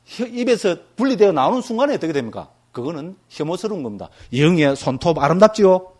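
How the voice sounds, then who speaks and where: A man with a somewhat high voice lectures on Buddhist teaching as a monk. He talks in a lively, vivid way and keeps asking his audience to agree after almost every phrase. His examples are graphic and full of sound words. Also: fast. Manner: lively, tags nearly every phrase with a check-in question to the listeners.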